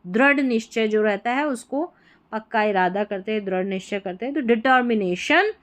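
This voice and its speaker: A woman's voice: on the high side, expressive, moderate pace. A woman teaching English reading, spelling words letter by letter and then explaining how to pronounce them and what they mean. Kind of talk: slow word-by-word reading lesson.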